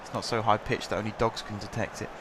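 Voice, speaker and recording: A young man with a sore throat rambles chattily over a football management game, his low-ish voice fast and level in tone, packed with filler, as background noise runs underneath. He's a gaming commentator.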